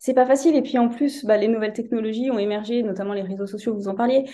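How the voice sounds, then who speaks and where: Agreeable woman interviewer, mellow tone. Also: fairly high pitch, steady tone. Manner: affirming, quick agreement, hesitant restarts. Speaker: podcast host. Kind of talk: interview conversation.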